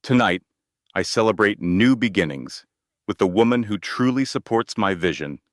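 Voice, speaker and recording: A man playing a cruel, arrogant rich husband in a spoken drama story, low and cold. His lines are clipped and dismissive. The voice sits dry and close. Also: expressive, normal speed, dry recording, lightly acted. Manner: cold, curt.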